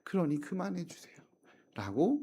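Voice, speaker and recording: A man's voice: high voice, huge pitch swings, a little slow, mellow, breathy edge, voice pushed up, exaggerated voice. A man playing a frightened young servant woman who begs the queen to stop, in a sermon story. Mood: desperate. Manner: pleading, begging.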